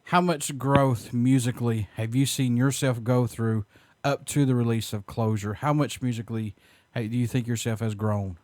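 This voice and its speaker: A man's voice: mid-range voice, steady tone, moderate pace, darkish tone, dry recording. A man hosting an interview show, upbeat and reading out prepared questions to his guest. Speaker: host.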